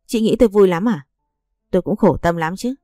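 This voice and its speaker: A woman's voice: medium pitch, a little fast, warm tone, no room sound, studio quality, soft background music, natural voice. A woman voicing a cold, scheming middle-aged mother-in-law who talks in a curt, dismissive way.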